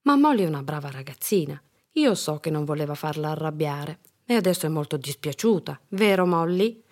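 A woman's voice: sits low, expressive, brisk, a little mellow. A woman voicing a firm but loving mother in a storybook reading, with a scolding yet tender manner. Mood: gentle.

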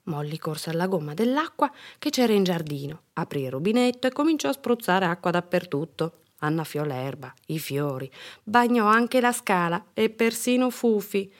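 A woman with a fairly low voice reads a children's story aloud at a moderate pace, telling it in an expressive, storyteller's way.

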